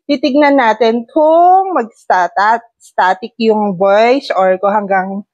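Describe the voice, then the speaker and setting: A woman's voice: mid-range voice, muffled recording. A middle-aged woman with a Filipino accent, a nasal voice from a cold, chatting through a home demo of a clip-on mic as she moves between rooms. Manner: chatty, talks viewers through steps. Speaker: vlogger. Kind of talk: casual product demo. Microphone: wireless clip-on mic and phone.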